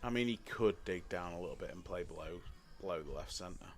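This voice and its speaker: A man giving live pool commentary, chatty and relaxed, thinking aloud about shot choices. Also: low-pitched, brisk, soft background music.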